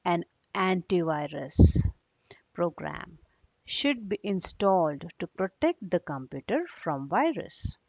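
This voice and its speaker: A woman teacher with a darkish, creaky voice and lively intonation guides young students through a read-aloud lesson at a slow, measured pace. She explains terms plainly and checks comprehension with brief questions. The recording is dull and low-fidelity, with no room sound.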